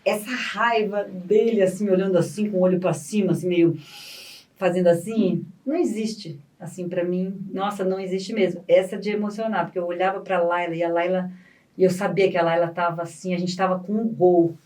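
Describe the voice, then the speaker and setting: A middle-aged woman with a Brazilian Portuguese accent, a clown and actress guesting on a radio show, telling stories in a lively way and acting out the dialogue with big pitch swings. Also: fairly quick. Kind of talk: lively anecdotal storytelling on a radio talk show. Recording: distant mic in a radio studio.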